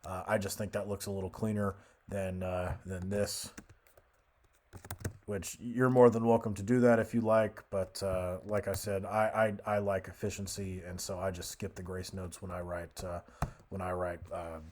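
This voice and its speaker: A man giving a casual software tutorial as an instructor, hesitant and thinking aloud as he goes. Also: sits low, level tone, normal speed.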